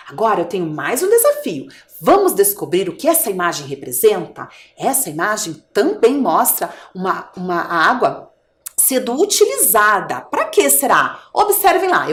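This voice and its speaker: Her mid-range voice is reverberant as she teaches: she's a primary school teacher with a Brazilian Portuguese accent leading a video lesson for young kids, coaxing them in a sing-song tone and lingering on her words.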